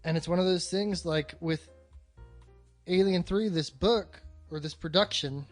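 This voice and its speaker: Over faint background music, a podcast co-host chats about movies in a casual, emphatic way. His voice sits high and his pace is measured, and he's opinionated and swears freely.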